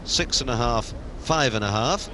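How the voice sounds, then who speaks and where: A man's voice: expressive, normal speed, a crowd in the background. A man giving golf commentary on a televised match, wryly savouring each shot with colourful phrasing. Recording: very noisy outdoor broadcast, wind and traffic-like rumble. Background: outdoor golf course ambience.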